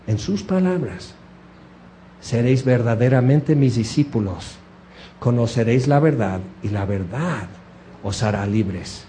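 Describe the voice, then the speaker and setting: A man preaching a sermon, lively and joking with the congregation, acting out quotes and mimicking people. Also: medium pitch, a little hiss or hum. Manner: jokes with the congregation.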